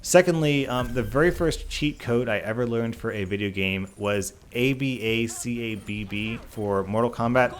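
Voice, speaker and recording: Male gaming YouTuber answering questions: conversational, sincere and emphatic, mid-pitched, with slight noise behind the voice. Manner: earnest, emphatic, repeats phrases in runs for emphasis. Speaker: YouTube gaming content creator. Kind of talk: casual Q&A vlog talk, reading questions and answering.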